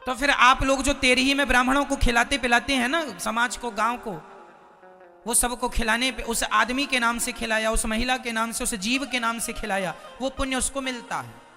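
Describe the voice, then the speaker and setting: A man's voice: very high-pitched, fairly even intonation, moderate pace, gravelly, bright, forceful tone. A man preaching a devotional sermon, telling the story dramatically and exhorting his listeners. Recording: long hall reverb, faint music.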